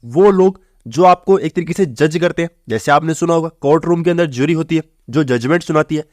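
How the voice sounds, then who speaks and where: A man's voice: on the high side, fairly quick, a little mellow, no room sound, studio quality. A man teaching English vocabulary for exam prep in a chatty way, often saying the words are very easy. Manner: chatty, repeats "theek hai" and "bahut easy hai".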